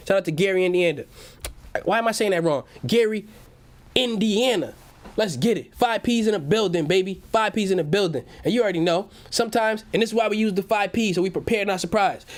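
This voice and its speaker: A man hosting a live stock-market stream, chatting with his viewers in an energetic hype-man style. He repeats nearly every phrase and keeps calling his audience "baby.". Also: sits high. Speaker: stock market livestream host.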